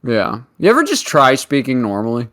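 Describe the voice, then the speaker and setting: A male streamer joins a casual podcast and talks at an ordinary pitch. He teases his co-host constantly and keeps the tone jokey, often bursting into laughter. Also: wildly swooping pitch, brisk, fairly bright tone. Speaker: guest streamer. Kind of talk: casual chat.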